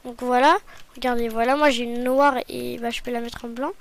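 A woman hosting a software tutorial, talking hesitantly and often correcting herself with apologies. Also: fairly high pitch, steady tone, brisk, slight background noise. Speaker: tutorial host. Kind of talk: screen-recorded software tutorial.

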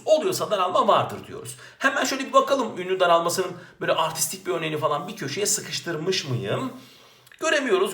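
A male teacher with a high voice solves exam questions aloud and swoops all over his range. He keeps asking himself questions and then answers them at once. The sound has a clear room echo. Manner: lively, talks to himself, asks and answers his own questions. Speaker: Turkish language teacher. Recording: roomy echo.

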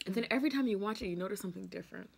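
A woman's voice: medium pitch, very fast, vocal fry, slight background noise. A woman vlogger chatting casually with her sister over a meal, giggling often and using lots of slang. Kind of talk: casual chat during a mukbang.

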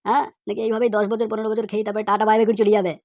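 Speaking rapid-fire at a medium pitch and in a level tone, a woman performs an outspoken cartoon student delivering a preachy, indignant comic monologue full of repetition and rhetorical questions. Her voice is close to an everyday one, and the recording is muffled with slight background noise.

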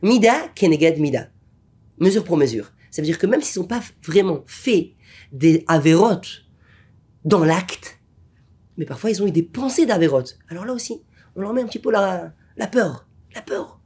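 A man teaching a Torah lesson as a rabbi, an animated storyteller who drops to whispers and rises to exclamations. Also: sits high, moderate pace, slightly rough.

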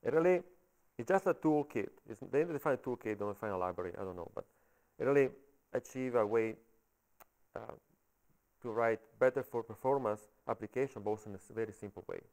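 A man with an Italian accent giving a technical talk at a meetup, halting and often checking in with the audience. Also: mid-range voice, a little mellow, poor audio. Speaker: conference speaker. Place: coworking space meetup room.

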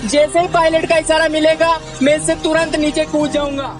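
A man's voice: very high-pitched, little pitch movement, moderate pace, music in the background. A young man narrating a mock-serious survival-show spoof as he walks through an outdoor street market. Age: young adult. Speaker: comedy vlogger.

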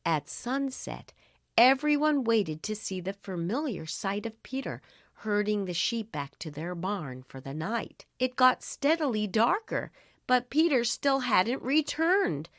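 A woman narrating a children's audiobook with slow, expressive bedtime-story reading. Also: medium pitch, dry recording, clean studio sound.

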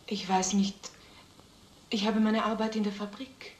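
In a mid-century German crime film, an actress plays a wary, hesitant single mother from a village, speaking in a mid-range, natural voice that moves little in pitch and runs a touch slow. The old soundtrack is noisy and echoing.

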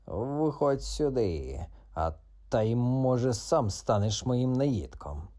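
A man voicing a proud, grumpy tomcat who growls slow threats in a children's audiobook. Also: mid-range voice, big pitch swings, warm tone. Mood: menacing.

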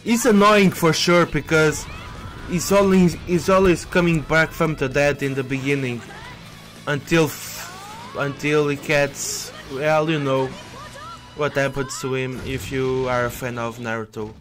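Slow, rambling gaming commentator. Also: male voice, fairly high pitch, fairly even intonation, a bit bright. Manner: rambling, many restarts and repetitions, exclaims at the game. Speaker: gameplay commentator. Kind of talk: casual let's-play commentary, reading on-screen text aloud. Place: indoors at his computer. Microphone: headset. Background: game music.

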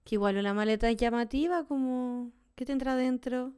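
A Chilean woman in her thirties co-hosting a podcast, telling stories in casual chat, slangy and quick to laugh. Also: a little high, clean tone. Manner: laughs often, slangy and animated storytelling. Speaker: podcast co-host.

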